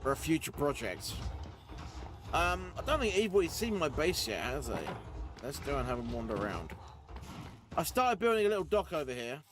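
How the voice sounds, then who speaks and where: A man's voice: fairly high pitch, very animated, normal speed, long pauses, noisy background. A man rambling casually over his gameplay, talking to himself and his teammates. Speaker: gaming streamer.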